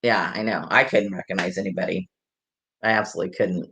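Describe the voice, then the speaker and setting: A woman's voice: very deep voice, steady tone, fast talker, a bit bright. A woman hairdresser giving a live hair tutorial, chatting and laughing with viewers in a rambling way. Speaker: hairdresser and salon owner.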